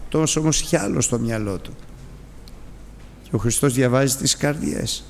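A male preacher giving a sermon, telling the story dramatically with big swings in pitch and loudness. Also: vocal fry, a little hiss or hum. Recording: long hall reverb.

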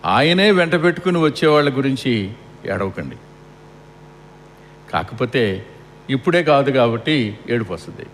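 Middle-aged male preacher at a funeral, mid-pitched voice, rhetorical and repetitive, long hall echo. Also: sing-song, moderate pace, long pauses. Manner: asks the crowd rhetorical questions and repeats for emphasis. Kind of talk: funeral sermon. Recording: long hall reverb with faint air-conditioning hum.

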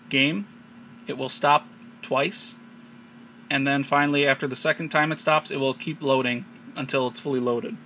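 An American man from the United States, his voice medium in pitch, bright and forceful, walks through a hands-on tech tutorial step by step without a script. His delivery is explanatory and instructional, captured as noisy amateur audio on a handheld camera.

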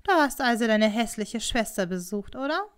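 A woman's voice: expressive, normal speed, clean tone, natural voice. A woman voicing a proud, cruel young geisha in an audiobook reading, pleading one moment and cutting the next. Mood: scornful. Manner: pleading and shrill, then cutting and scornful.

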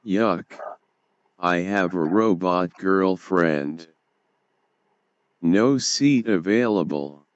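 A deep synthesized talking robot. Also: male voice, drawn-out words, long pauses, muffled recording, slight background noise. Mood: deadpan. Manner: flat, clipped machine speech with blunt replies. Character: dumb talking robot chatbot, male, cheeky.

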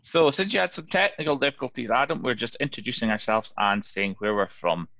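A man's voice: medium pitch, brisk, sharp tone, dry recording. A man facilitating a video call meeting, friendly and a little flustered as he works through names. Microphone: computer mic on video call. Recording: dull lo-fi video call audio.

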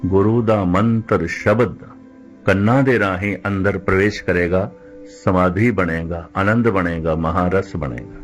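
A man preaching a religious discourse in a measured, deliberate way, slowing right down when he quotes scripture. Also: sits low, fairly even intonation, faint music behind. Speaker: Sikh preacher.

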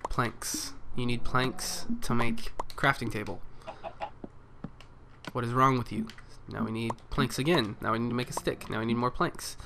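Over a noisy background, a man with a medium-pitched voice casually narrates his own gameplay at a moderate pace. He's playful and jokey, chatting with the animals and monsters on screen like it's a let's play.

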